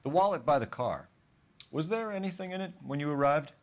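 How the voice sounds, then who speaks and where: An actor playing a composed, methodical 1940s American detective in a crime drama game, speaking in a formal, probing, clipped manner. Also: male voice, on the high side, expressive, fairly quick. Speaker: police detective in a video game. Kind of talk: acted crime drama dialogue.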